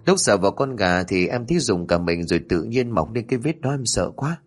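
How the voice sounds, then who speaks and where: A man's voice: on the low side, very animated, brisk. A man voicing a meek, frightened young wife. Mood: uneasy.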